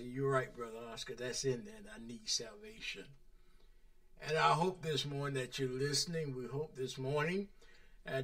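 A man teaching the Bible like a preacher, talking about himself in the third person and drawing out the scripture words slowly. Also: a little high, bright, forceful tone, rough recording. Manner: slow, drawn-out emphasis on scripture. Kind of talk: radio-style Bible teaching.

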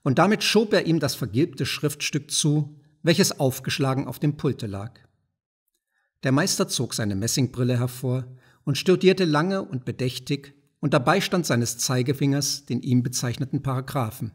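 A man narrating a classic novella as an audiobook reader, in a measured, even storytelling manner. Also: medium pitch, breathy edge.

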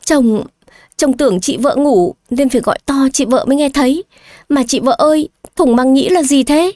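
A woman's voice: on the high side, moderate pace, mellow, no room sound, lightly acted. A woman voicing a simple-minded grown man who talks like an eager, clingy child, in an audio story. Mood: childlike eager. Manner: childish pleading tone.

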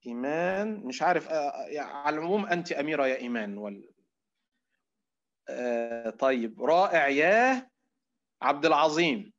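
A man with an Egyptian Arabic accent teaches an online class in a fairly high voice. He keeps quizzing his listeners, posing fill-in questions and answering them himself. The audio is dull and lo-fi. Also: animated, brisk, long pauses, fairly bright tone. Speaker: lecturer. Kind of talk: online lecture to students.

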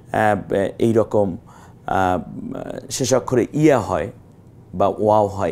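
A man teaching Quran recitation on a TV lesson, patiently explaining rules and slowly drawing out the recited examples. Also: lowish voice, dark tone. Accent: Bangladeshi Bengali.

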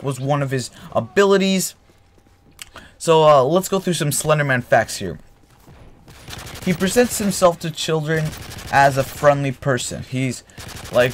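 With a slightly high voice, a young man who runs a gaming channel chats through a casual story during gameplay. He's catching a cold, clears his throat, and wanders along with fillers and corrections. Faint game gunfire plays behind him, and the audio carries a little hiss or hum.

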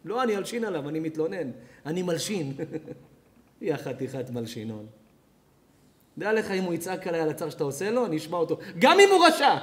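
A rabbi giving a Torah lecture, acting out characters in dialogue and laughing often. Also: male voice, fairly high pitch, sing-song. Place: community evening lecture.

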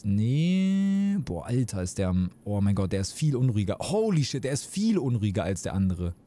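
A man's voice: lowish voice, very animated, normal speed, warm tone. A man casually commenting as he plays a game live, chatty and wondering aloud. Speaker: streamer. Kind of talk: casual let's play commentary.

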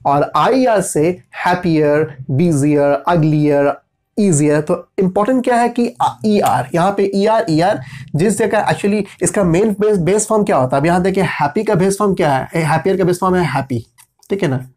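This grammar lesson comes from a man whose high, slightly mellow voice moves at normal speed. He checks in with listeners often and spells out letters patiently.

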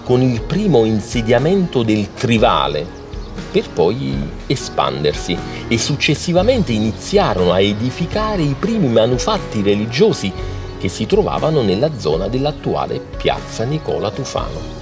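A man's voice: mid-range voice, wildly swooping pitch, moderate pace. A man narrating a documentary in an explanatory, storytelling way. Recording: music playing behind.

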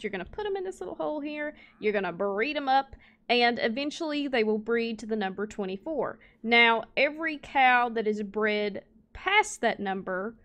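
A woman's voice: fairly high pitch, fairly bright tone. A young woman hosting a casual let's play, chatting playfully to viewers and to the animals in her game. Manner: chatty, talks to cows and viewers, playful exclamations. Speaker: gaming channel host.

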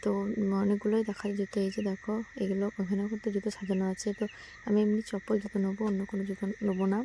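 Young woman vlogging her day, quick chatty voice, pretty flat, soft faint outdoor noise behind. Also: mid-range voice. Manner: chatty, many fillers, addresses viewers as friends. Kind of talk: casual daily vlog narration.

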